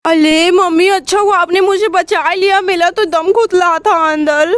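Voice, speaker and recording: Woman playing a little girl doll, lisping baby talk, very high squeaky voice, playful. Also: steady tone, unhurried, no echo. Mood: relieved. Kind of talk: doll story voice acting.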